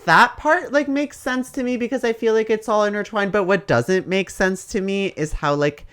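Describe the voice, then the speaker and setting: Woman podcast co-host, casual gossipy chat, clear smooth voice. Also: medium pitch, moderate pace. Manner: animated, gossipy, heavy use of "like".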